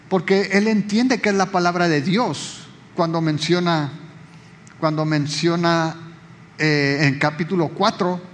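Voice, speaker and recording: A man's voice: high voice, fairly bright tone, big-room sound. A man preaching a sermon as pastor, explaining conversationally and speaking directly to the congregation.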